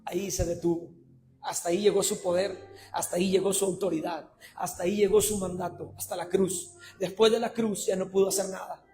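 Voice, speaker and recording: A man preaching a sermon, swinging between shouted passionate lines and low conversational asides. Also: little pitch movement, brisk, faint music behind.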